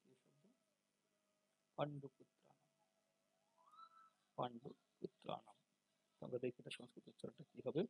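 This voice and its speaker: A man teaching Sanskrit pronunciation, explaining in plain talk and then chanting words slowly and loudly. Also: mid-range voice, steady tone, vocal fry, rough recording. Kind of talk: spoken lesson on verse pronunciation.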